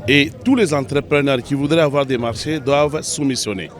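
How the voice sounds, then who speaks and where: A man's voice: mid-range voice, a little fast. A man, a conference attendee giving a hesitant street interview full of fillers.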